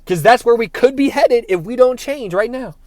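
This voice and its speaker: A man's voice: very high voice, expressive, normal speed, a little mellow, no room sound, studio quality. A young man in a casual monologue who talks in a heated, preachy way, swears and says "bro" a lot. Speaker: spiritual vlogger.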